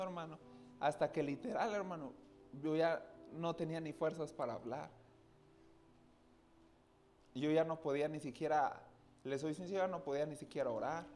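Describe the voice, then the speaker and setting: A man recounts his testimony before a congregation in an earnest, direct way, often speaking straight to his listeners. His voice sits a little high for a man. Faint music plays quietly underneath. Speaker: church speaker giving testimony.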